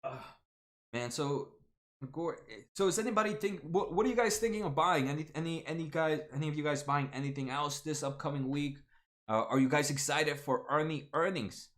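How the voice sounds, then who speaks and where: This brisk, somewhat bright, higher-pitched male voice belongs to a stock market livestream host in his late twenties. He reads viewer comments in a casual chat, calling viewers by name and leaning on lots of fillers and restarts.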